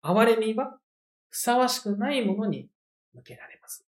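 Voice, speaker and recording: In a sermon, a preacher with an even, medium-pitched voice carefully explains a scripture passage to the congregation. His measured, reflective delivery is occasionally loosened by casual, conversational asides.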